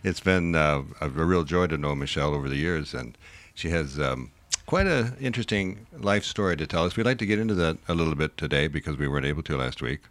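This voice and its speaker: A man hosts a radio interview from a studio. His voice sits very low yet moves a great deal in pitch. He talks to his guest in a friendly, chatty way. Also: expressive, fast, a bit bright, no room sound. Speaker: radio host.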